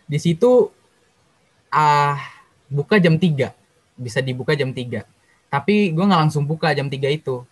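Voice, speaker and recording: A man's voice: fairly high pitch, moderate pace, long pauses, slightly rough, rough recording. Slangy young man. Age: young adult. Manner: lively, slangy, emotional retelling. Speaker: youth sharing a testimony. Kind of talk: casual storytelling.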